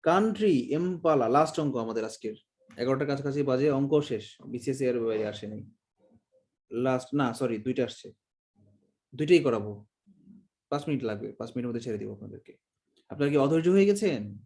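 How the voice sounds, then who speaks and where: A man's voice: mid-range voice, lively intonation, a little fast, long pauses, darkish tone. A Bangladeshi man teaching an online exam-prep class in a chatty, joking way, acting out how words are said. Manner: chatty, joking, demonstrates pronunciations.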